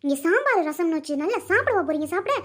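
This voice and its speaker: A fiery older village mother-in-law from a cartoon, voiced by a woman, scolding in a rapid-fire stream at a squeaky, very high pitch. She talks fast and sharp-tongued, hardly pausing between lines. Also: very animated. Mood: furious. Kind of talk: Tamil village cartoon voice acting.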